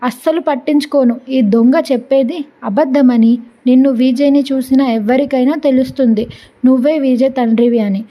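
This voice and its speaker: A woman's voice: high voice, fairly even intonation, normal speed, warm tone. A woman voicing a nosy older neighbour auntie who pries and scolds in a storybook reading. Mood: scolding. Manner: prying and scolding.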